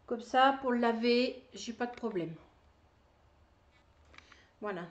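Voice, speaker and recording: A woman's voice: a little high, takes it slowly, dull audio. A woman hosting a knitting video podcast, chatting casually to camera in a rambling way with many fillers and laughing at herself. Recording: roomy echo.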